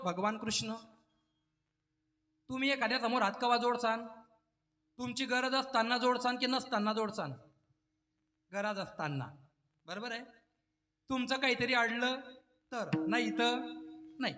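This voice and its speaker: A man's voice: very high-pitched, bright, forceful tone, in a large hall. A man preaching a devotional kirtan sermon, teasing the listeners and joking with them between verses.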